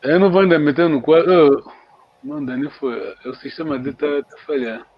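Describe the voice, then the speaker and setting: A man teaching an online language lesson, patiently repeating words slowly for his students. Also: a little high, breathy edge, dull audio.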